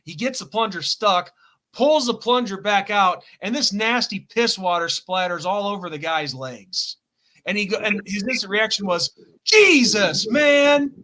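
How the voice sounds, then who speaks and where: Male co-host, high and bright-toned, rambling, self-correcting storyteller for a casual chat show. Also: moderate pace, poor audio.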